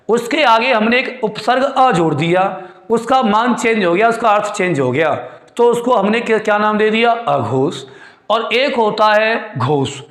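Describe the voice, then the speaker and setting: Male tutor, high voice, quizzing style, roomy echo. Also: fairly bright tone. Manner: repeats points, quizzes students with questions; calls students "beti" and "chhote" fondly. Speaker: Hindi grammar teacher. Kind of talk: classroom lecture.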